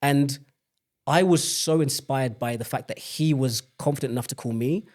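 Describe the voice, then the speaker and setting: Speaking at a moderate pace, this young man from the UK has a medium-pitched, slightly mellow voice. As a guest on a podcast he shares candid personal stories, reflective and open, with many restarts.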